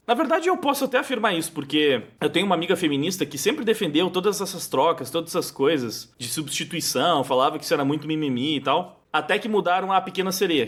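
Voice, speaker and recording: A man with a Brazilian Portuguese accent hosting a react video in casual, digressive commentary. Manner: chatty, digressive, lively pitch swings.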